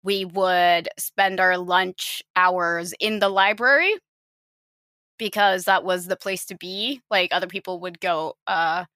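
A bright-voiced woman in her late twenties, born in Finland, whose international-school accent sounds nearly American. She talks as an interview guest in a chatty, self-deprecating way. Her voice is close and dry, with no room behind it. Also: fairly low pitch, fairly even intonation, slow pace, dry recording. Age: 20s. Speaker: podcast co-host, guest. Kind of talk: casual interview chat.

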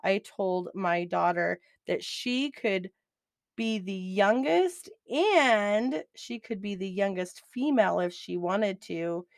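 A middle-aged woman hosting a podcast, chatting excitedly and laughing easily as she recaps. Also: medium pitch, slow, creaky, dry recording, studio quality. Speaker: podcast host.

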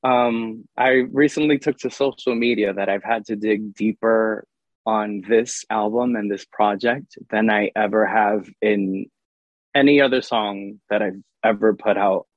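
A man's voice: fairly low pitch, fairly even intonation, measured pace, no room sound, muffled recording. A young man, a singer-songwriter, answering interview questions in an earnest, open way, with many ums.

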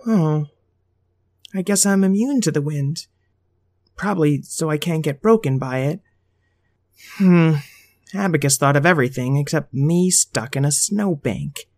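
A woman's voice: low voice, measured pace, long pauses, a little mellow, dry recording, studio quality. A woman voicing a fretful little magic wand. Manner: fretful, pleading. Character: small anxious magic wand, childlike.

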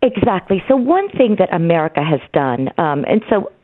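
A woman guest author and law professor speaking in a radio interview, explaining her ideas in an animated way and laughing easily. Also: lowish voice, moderate pace, no room sound. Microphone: phone line. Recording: tinny phone line, dry.

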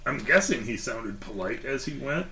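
Brief: male co-host, tense bright tone, dark jokes, halting with fillers, faint background noise. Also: medium pitch, animated, creaky. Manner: gallows humor, swears, many uh fillers. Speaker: podcast co-host. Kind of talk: casual podcast chat.

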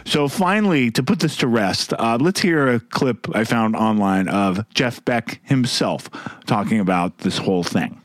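A man's voice: medium pitch, lively intonation, measured pace, dry recording. A man hosting a music podcast, talking casually and wryly about songs and sometimes humming melodies. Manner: chatty, wry, hums melodies. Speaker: podcast host.

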